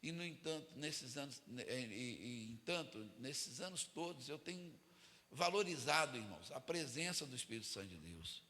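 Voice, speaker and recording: Preaching loosely to a group of church leaders, a Brazilian evangelical pastor uses lively intonation and a bright, forceful mid-range voice at a moderate pace. He keeps calling for amens and confirmation from listeners, and the hall echoes with a long reverb.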